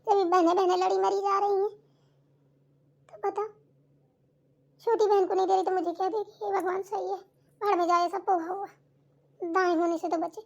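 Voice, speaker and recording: A woman's voice: extremely high pitch, fairly even intonation, moderate pace, gravelly, pauses often, darkish tone, highs cut off. Woman voicing a sly teasing cartoon daughter-in-law. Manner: sly, teasing, chuckling asides. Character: sly gossiping young daughter-in-law, mocking.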